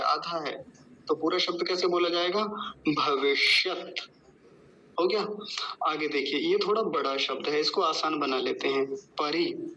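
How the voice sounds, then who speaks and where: A man teaching Sanskrit pronunciation, patiently breaking words into syllables and repeating them slowly and drawn out. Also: fairly high pitch, sharp tone, lo-fi sound, slight background noise. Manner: chants the mantra in a measured recitation. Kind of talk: slow syllable-by-syllable pronunciation lesson.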